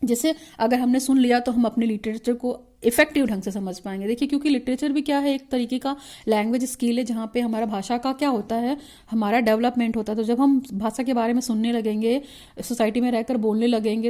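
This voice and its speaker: A woman with an Indian accent teaches in a lecture, her voice sitting a little high but mellow and warm. She reads each point out slowly and deliberately in English. Then she explains it in a patient, conversational way, often pausing to check that her listeners follow. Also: fairly even intonation.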